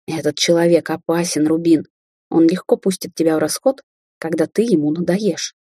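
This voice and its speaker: Woman voicing a sulky low-voiced mother witch, husky, storybook read. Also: normal speed, dark tone, no echo, studio quality. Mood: grumbling. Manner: grumbling, defensive. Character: middle-aged woman sorceress, grumbling mother. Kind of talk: audiobook character voicing.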